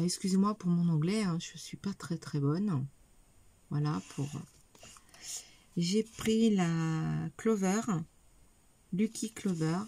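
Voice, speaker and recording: Slow, soft-voiced middle-aged woman. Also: on the low side, breathy edge. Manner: slow, hesitant, many fillers; talks to viewers while showing items. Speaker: craft vlogger. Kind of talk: casual craft haul video.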